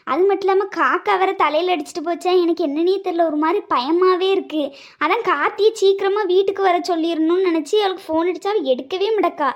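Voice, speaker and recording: An anxious mother, voiced by a woman, frets in a cartoon drama. Her very high voice sounds uneasy throughout. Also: dull audio. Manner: worried, uneasy. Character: anxious mother fearing bad omens. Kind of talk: cartoon voice acting.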